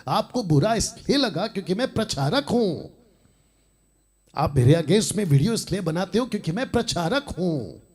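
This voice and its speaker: A man preaching a sermon, fiery and defiant, swinging between loud emphatic lines and hushed asides. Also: high voice, very animated, normal speed, husky. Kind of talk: Hindi sermon teaching.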